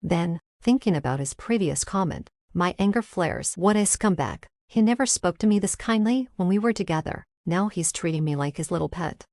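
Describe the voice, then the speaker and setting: A woman with a lowish voice narrating a first-person romance story, wry and irritated in tone. The recording is dry and close, with no room sound. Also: animated, moderate pace, hardly any pauses, a little mellow, dry recording.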